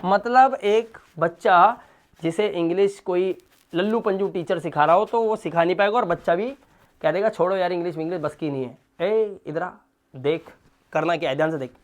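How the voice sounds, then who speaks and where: A man teaching a spoken English lesson in Hindi. He talks straight to the viewer, spells words out letter by letter, and swings from quiet asides to loud, emphatic bursts. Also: sits high, moderate pace.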